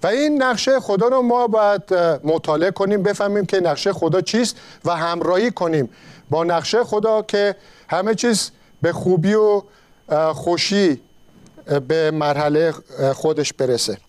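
High-pitched male preacher, measured sermon delivery with frequent pauses. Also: smooth. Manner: measured, pausing often between phrases. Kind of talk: sermon with scripture reading.

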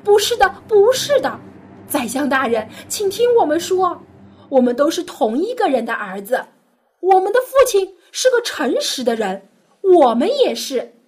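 A woman's voice: high-pitched, very animated, moderate pace, darkish tone, pitched above the performer's own voice. A woman voicing frightened, guilty brothers pleading in a children's Bible story. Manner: pleading, panicked.

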